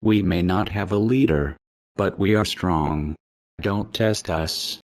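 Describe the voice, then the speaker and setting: Masked spokesman, male, disguised deep voice, very low and dry, flat solemn read of a scripted warning. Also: no room sound. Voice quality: slow, flat, solemn delivery.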